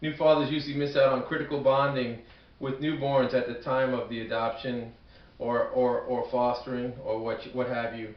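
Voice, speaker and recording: A man with a Brooklyn accent gives an informal amateur student presentation, halting and self-deprecating, often repeating his words. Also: medium pitch, flat delivery. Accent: Brooklyn, New York. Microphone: camcorder at a distance. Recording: echoey room, distant muffled camcorder microphone.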